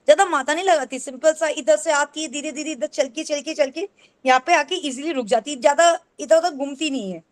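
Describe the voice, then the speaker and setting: A woman's voice: high-pitched, brisk. A woman co-presenting an acupressure class over a video call, explaining step by step in a teaching tone. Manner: explains step by step, checks with "ठीक है?". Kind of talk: explanatory teaching, mixing in English.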